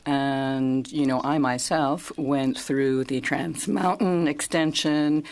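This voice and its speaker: Interpreter, middle register, live committee interpretation, even measured delivery. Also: mid-range voice. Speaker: simultaneous interpreter. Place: parliamentary committee room.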